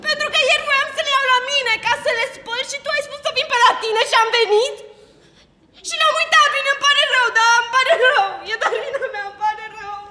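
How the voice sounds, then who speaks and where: A flustered young actress. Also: female voice, extremely high pitch, sharp tone, recorded from a distance, heavily acted. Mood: apologetic. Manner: pleading, over-apologising. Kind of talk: stage play acting. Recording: echoey theatre hall with audience.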